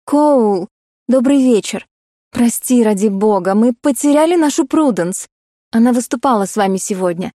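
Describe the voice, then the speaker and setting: A woman's voice: fairly high pitch, expressive, moderate pace, warm tone, no room sound, studio quality. A woman reading an audiobook, voicing a polite young woman apologizing in a hurry. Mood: apologetic.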